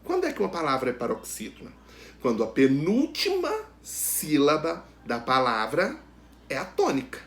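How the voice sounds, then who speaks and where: A man teaching a grammar lesson, asking questions and answering them himself, stretching out each example word slowly and loudly. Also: on the high side, wildly swooping pitch. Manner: addresses students directly, asks and answers questions.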